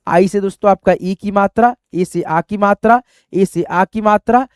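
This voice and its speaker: A man's voice: high-pitched, moderate pace, clean tone, no room sound, clean studio sound. A man teaching a reading lesson, patiently repeating each step and addressing viewers as friends. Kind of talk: explaining a spelling lesson.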